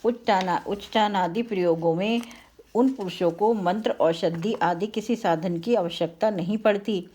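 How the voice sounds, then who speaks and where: A woman reciting devotional scripture in a slow, solemn, invocatory way, with repeated refrains and occasional self-corrections. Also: mid-range voice, mellow.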